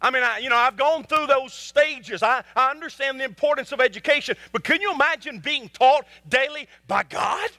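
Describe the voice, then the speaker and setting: A male pastor preaching a sermon with emphasis, repeating rhetorical questions and swinging from soft asides to loud peaks. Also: very high voice, expressive, normal speed, few pauses, no room sound.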